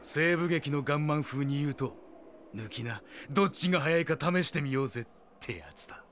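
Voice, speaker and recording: In a Japanese audio drama, a male actor with a fairly high voice plays a tough, cool young fighter bent on revenge. His lightly acted delivery is terse, taunting and quietly menacing, cold in mood and fairly quick, with slight background noise.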